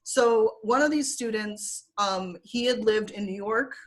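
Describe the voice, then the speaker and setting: A young woman with a Michigan accent is an interview guest on a video call, talking casually with plenty of fillers and frequent, easy laughter. Her voice is medium-pitched and her pace unhurried.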